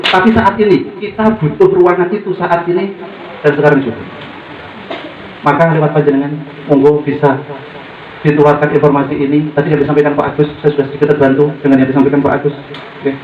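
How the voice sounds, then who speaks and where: A man speaks quickly and fervently from a podium microphone, his voice sitting a little high. He leans on repetition like a preacher. The sound is roomy and slightly dull, with faint ambience behind. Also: fairly even intonation, a little hiss or hum. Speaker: boarding school leader addressing parents. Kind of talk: speech to a gathering. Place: hall at a school gathering.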